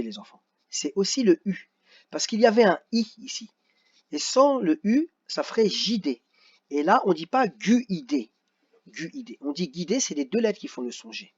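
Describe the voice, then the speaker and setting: A man's voice: on the high side, a little mellow, breathy edge, muffled recording. A male teacher patiently correcting a children's worksheet, sounding out syllables one by one.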